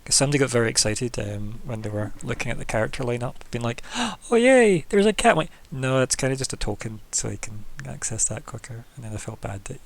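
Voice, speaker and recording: A man running a tabletop game online, mid-pitched and chatty. He thinks aloud as he goes, talking the players through rules and his own prep. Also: fairly even intonation, fast talker, vocal fry, few pauses. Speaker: game master.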